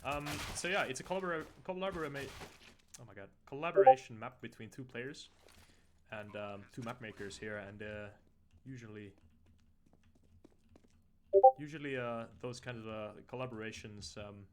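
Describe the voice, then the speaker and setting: A man giving casual, somewhat halting esports commentary over a video game match. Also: medium pitch, fairly bright tone. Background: in-game audio bleeding through.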